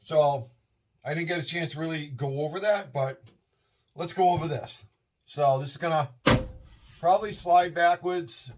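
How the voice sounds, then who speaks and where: A middle-aged man with a Massachusetts accent hosts a scrapping video, taking apart scrap in a shed at night. He narrates casually in an upbeat, rambling way, his fairly high voice moving at a moderate pace with frequent pauses. The mic is distant, with faint noise.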